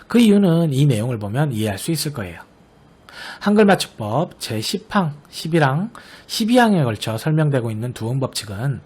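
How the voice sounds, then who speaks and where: A man teaching an online grammar lesson. He explains patiently, sounds out example words slowly, and often checks that the class is following. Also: fairly high pitch, darkish tone, breathy edge. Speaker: Korean language teacher.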